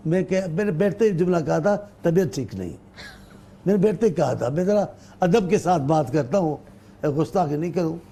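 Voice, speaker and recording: A male political guest speaking in a measured, emphatic way, using formal wording. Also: fairly high pitch, expressive, warm tone, slight background noise. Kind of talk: talk show debate.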